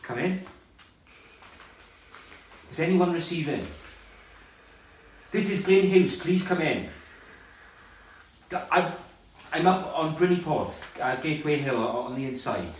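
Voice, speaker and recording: A man's voice: on the high side, lively intonation. A man playing a frightened taxi driver pleading on a radio. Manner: halting, stammering, pleading. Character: frightened village taxi driver Glyn, a father radioing for help. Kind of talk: audio drama acting. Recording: echoey, distant, faint noise.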